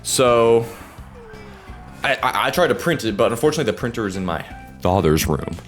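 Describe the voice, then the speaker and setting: A man's voice: medium pitch, sing-song, a little fast, faint music behind. A teenage boy rambling through a story while playing a video game, breaking off to trash-talk opponents. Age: teens. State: keeping voice down so his sleeping father won't hear. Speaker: gaming video creator.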